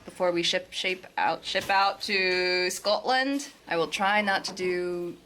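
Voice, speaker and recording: A young woman chatting through a casual vlog with voiceover bits, full of quick self-mocking jokes. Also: on the low side, fairly even intonation, a bit bright, slight background noise. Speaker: vlogger and touring puppet theatre performer.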